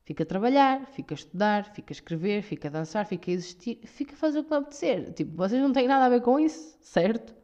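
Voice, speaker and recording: A woman's voice: fairly high pitch, animated, fast, hardly any pauses, a little mellow. Chatty young Portuguese woman, lo-fi. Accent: European Portuguese. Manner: chatty, self-mocking, rambling asides. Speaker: podcast host. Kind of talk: casual solo podcast monologue.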